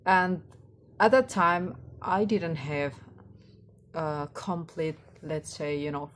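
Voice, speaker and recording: Against slight background noise, a woman vlogger with an Indonesian accent and a low voice chats casually, seemingly practicing her spoken delivery. Intonation stays fairly even while she falters, searching for words and repeating phrases.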